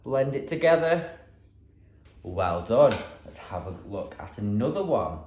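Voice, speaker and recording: A man teaching a phonics lesson to young children, in a sing-song, encouraging way with drawn-out, exaggerated sounds. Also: lowish voice, sing-song, a little mellow, reverberant. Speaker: primary school teacher.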